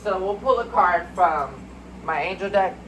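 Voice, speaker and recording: A spiritual card reader rambles through a casual reading, voice sitting at a middling pitch and sounding a bit congested. The talk wanders in a loose, mystical way, always turning back to the viewers as y'all. Faint noise sits behind the voice. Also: measured pace, fairly bright tone, rough recording. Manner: chatty, addresses viewers as y'all.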